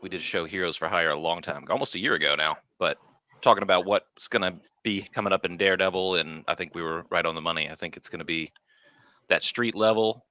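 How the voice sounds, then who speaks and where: A man's voice: deep voice, quick pace, sharp tone, no room sound. A man co-hosting a casual podcast chat in a laid-back, easygoing way. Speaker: podcast co-host.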